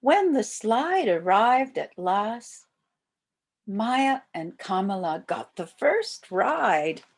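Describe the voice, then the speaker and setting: Slow, lively older woman reading aloud. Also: medium pitch. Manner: slow, expressive delivery for young children. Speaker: volunteer story reader. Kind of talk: read-aloud children's storybook narration.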